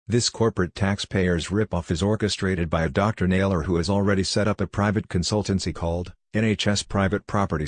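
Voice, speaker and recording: Very deep guy ranting over a video, dry close sound. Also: no room sound. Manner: indignant, campaigning delivery. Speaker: channel narrator. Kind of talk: scripted commentary voice-over.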